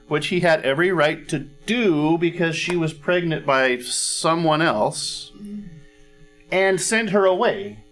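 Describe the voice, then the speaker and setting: Slow, deliberate middle-aged male preacher. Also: high-pitched, a bit bright. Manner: conversational teaching, frequent "all right?" check-ins; clears throat now and then. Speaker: pastor. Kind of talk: sermon. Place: church stage with a cozy fireplace set.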